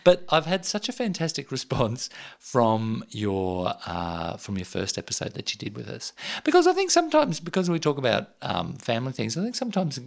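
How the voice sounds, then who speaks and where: A woman hosting a podcast, speaking in a wry, articulate, expressive way. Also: very deep voice, moderate pace, creaky, hardly any pauses. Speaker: podcast host. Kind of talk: scripted storytelling narration and interview.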